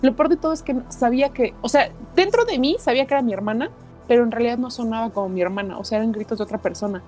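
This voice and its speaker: Chatty woman with a dark voice. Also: on the high side, very fast, soft background music, low-quality recording. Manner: rambling, many fillers like "o sea". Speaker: podcast co-host. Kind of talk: casual chat, telling a dream.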